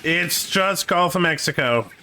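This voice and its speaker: High, bright man from Canada stammering. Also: lively intonation, creaky, slight background noise. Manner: halting, restarts often, opinionated. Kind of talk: casual chat.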